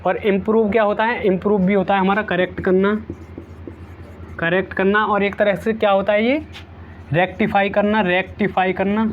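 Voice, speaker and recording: A man's voice: high-pitched, flat delivery, moderate pace, narrow, tinny audio, a little hiss or hum. A man teaching an exam-prep vocabulary lesson, repeating each word several times and using playful memory tricks.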